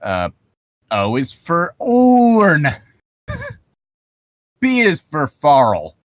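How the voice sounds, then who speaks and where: A man's voice: a little high, huge pitch swings, drawn-out words, no room sound. A man chatting casually as a podcast co-host, rambling and swearing freely as he riffs on horror stories. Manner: rambling, profane. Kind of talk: casual chat, riffing commentary on horror stories.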